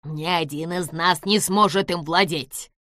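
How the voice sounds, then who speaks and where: A woman voicing a spiteful, vengeful little man who gloats and shouts threats. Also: fairly low pitch, a little slow, no echo, studio quality. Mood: gloating.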